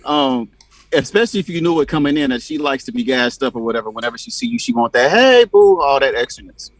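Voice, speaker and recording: A man co-hosts a panel discussion, talking rapidly and arguing his point. His voice sounds dry and close. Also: medium pitch, no room sound, poor audio. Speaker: podcast co-host.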